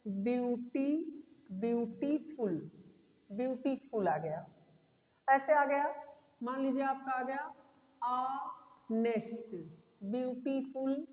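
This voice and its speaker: A woman teaching English grammar in Hindi, repeating key points, addressing students as "beta", and slowing down to say example words one by one. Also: high-pitched, darkish tone. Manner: slows to spell out words. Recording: echoey room with long reverb.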